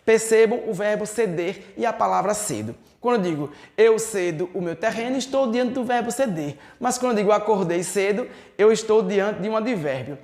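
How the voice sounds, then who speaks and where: A man's voice: high voice, darkish tone. Echoey Brazilian male teacher. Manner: didactic, asks and answers his own questions. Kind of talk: recorded exam-prep lesson. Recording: echoey room.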